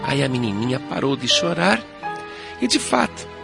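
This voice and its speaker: A man telling a children's story with dramatic, expressive delivery. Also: mid-range voice, moderate pace, creaky. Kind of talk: storytelling narration. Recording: loud music and rain behind.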